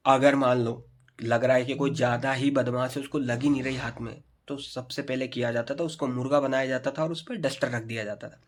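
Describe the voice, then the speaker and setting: Man in his 30s, casual storytelling vlog, chatty and animated, middle pitch. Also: fairly quick. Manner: chatty and animated, addresses viewers as brothers. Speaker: storytelling vlogger.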